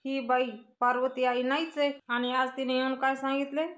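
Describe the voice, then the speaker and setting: A woman's voice: high voice, little pitch movement, moderate pace, a bit bright. A woman reading a suspicious young man. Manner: questioning and suspicious.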